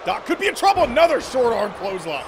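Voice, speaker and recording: A man's voice: extremely high pitch, sing-song, fast, background noise. A man calling wrestling play-by-play in a dramatic, exclamatory style of match commentary.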